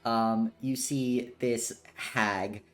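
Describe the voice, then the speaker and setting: A man narrating as game master of a tabletop game, slow and relaxed, with many fillers. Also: mid-range voice.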